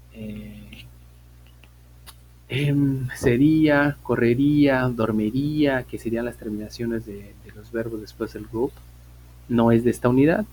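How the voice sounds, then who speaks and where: Man, online teacher, warm mellow tone, patient and repetitive, computer mic, faint hum behind. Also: mid-range voice, low-quality recording. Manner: patient, repeats points, asks students questions. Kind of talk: live online class explanation.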